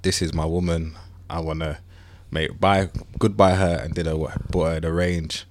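He's a man in his thirties with a London roadman accent, co-hosting a podcast and playfully chatting in slang. His voice sits low with little pitch movement, at normal speed.

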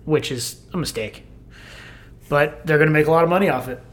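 A man co-hosting a casual football podcast, animated and teasing, swearing freely. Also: a little high, brisk. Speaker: podcast co-host, football fan.

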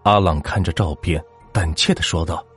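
Deep-voiced male ghost-story narrator. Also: fairly even intonation, normal speed, husky, soft background music. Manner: dramatic, suspenseful narration.

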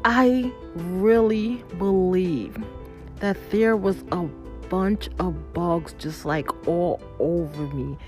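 A podcast host with a fairly low voice tells a personal story slowly, with faint music in the background. Her animated retelling is casual and colloquial with informal grammar, and she acts out what people said.

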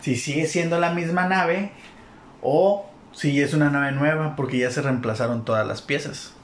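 A young Mexican man on a casual podcast, talking in a somewhat high voice and breaking into laughs as he retells scenes in slang. The room sounds roomy and echoey, with a faint hiss of background noise. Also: moderate pace. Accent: Mexican Spanish. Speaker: podcast co-host.

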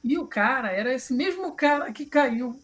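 A man's voice: very high voice, lively intonation, moderate pace, a bit bright. A man with a Brazilian Portuguese accent hosting a podcast, telling a workplace story in a slangy, dramatic way. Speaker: podcast host. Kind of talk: casual podcast chat.

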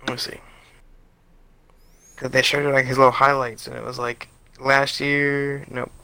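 A man's voice: mid-range voice, level tone, unhurried, gravelly, sharp tone, clean tone, no room sound. A man co-hosting a podcast, chatting casually about fights in a rambling way and often restarting his sentences. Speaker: podcast co-host. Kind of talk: casual sports chat.

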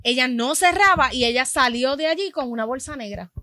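Puerto Rican woman co-host, high bright voice, lively storyteller who acts out customers. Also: fairly quick, no echo, studio quality. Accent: Puerto Rican Spanish. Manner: animated storyteller acting out quoted customers. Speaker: podcast co-host. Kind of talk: casual chat.

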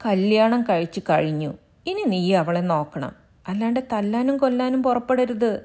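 A woman voicing a kindly, firm old grandmother who gently scolds in a storybook reading. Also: mid-range voice, moderate pace, voice pushed up, close to an everyday voice. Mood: admonishing. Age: older.

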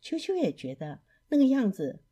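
A woman reads children's stories aloud in a slow, expressive storybook manner. Her voice is mellow and slightly high. She lets her pitch rise and fall freely. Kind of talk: reading children's picture books aloud.

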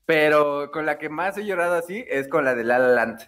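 A man with a Mexican accent, a guest telling candid stories in a relaxed, casual way. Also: a little high, normal speed. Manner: relaxed, candid, many fillers. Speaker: podcast guest. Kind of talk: casual storytelling.

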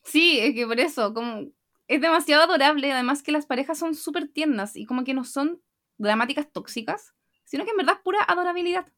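Young woman, Chilean accent, high pitch, animated storyteller, casual chat. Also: fast. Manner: animated storytelling, acting out quotes. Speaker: podcast co-host.

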